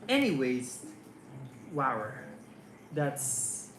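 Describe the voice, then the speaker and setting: A man's voice: mid-range voice, big pitch swings, drawn-out words, a bit bright, a little hiss or hum. A man singer hosting a casual livestream, reading out viewer comments and teasing them playfully while mixing English into his talk. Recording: roomy echo with ukulele music behind.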